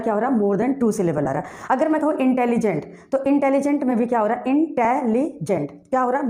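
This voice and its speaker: A woman's voice: fairly high pitch, dark tone. A woman teaching English grammar, asking herself questions and answering them, and spelling words out letter by letter. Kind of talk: classroom grammar lesson.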